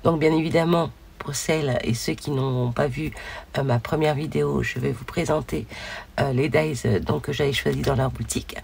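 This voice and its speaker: Hoarse lady doing a chatty craft demo, lots of ums, gravelly voice, faint hiss behind. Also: very deep voice, steady tone, moderate pace, darkish tone. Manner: chatty, many fillers and "voilà". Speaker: craft video host. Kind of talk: casual crafting demonstration.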